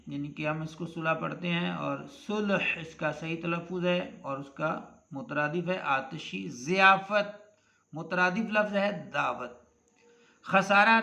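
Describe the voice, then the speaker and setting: A man with an Urdu accent teaching a vocabulary lesson, going through the words slowly and deliberately and repeating each pair. His voice sits high and comes across bright and a little tense. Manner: slow, deliberate, repeats each word and its meaning. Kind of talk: classroom lesson on synonyms.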